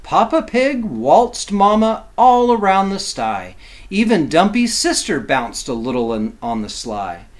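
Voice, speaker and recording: A high-pitched man reads from a kids' storybook in a teacherly way, at a measured pace. His reading is lively, and he stops now and then to offer simple asides for young listeners.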